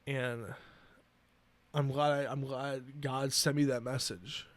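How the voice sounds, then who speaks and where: A man in his twenties hosting a solo podcast, earnest and emotional, talking haltingly with many restarts. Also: medium pitch, steady tone. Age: 20s. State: emotional, near tears. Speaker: podcast host. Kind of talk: personal solo podcast talk.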